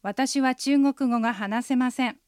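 A woman hosting a radio language lesson, calmly guiding listeners through the phrases. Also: sits high, a little slow, clear, resonant tone, no room sound, studio quality.

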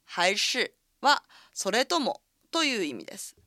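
A woman's voice: mid-range voice, sing-song, a little slow, pushed and bright, no room sound, studio quality. A woman teaching Chinese pronunciation on a radio lesson, explaining each phrase step by step.

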